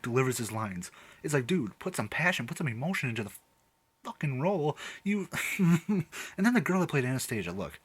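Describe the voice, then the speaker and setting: A young man with a husky, slightly rough voice delivers a casual movie rant straight to camera. He sounds exasperated and emphatic, circling back to repeat his points and laughing between them. His pitch sits in an ordinary middle range. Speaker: movie reviewer. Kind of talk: casual ranting review to camera.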